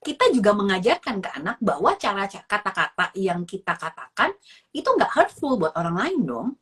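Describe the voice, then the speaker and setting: A woman's voice: mid-range voice, big pitch swings, normal speed, a bit bright, husky. A woman with an Indonesian accent giving casual parenting advice as a psychologist, mixing English phrases in and acting out parent and child lines.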